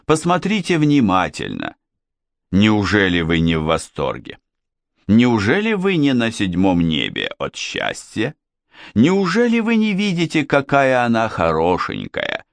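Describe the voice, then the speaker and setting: A man's voice: on the low side, huge pitch swings, unhurried, gravelly, no room sound, full character voice. A male audiobook reader voicing a grand, coaxing king of penguins. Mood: jovial. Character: jovial pompous old male penguin king. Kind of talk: audiobook character reading.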